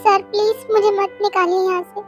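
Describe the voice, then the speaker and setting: A high-voiced reader playing a stubborn young office woman who begs and talks back, with soft music behind. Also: level tone, normal speed. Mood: pleading. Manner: pleading, cheeky.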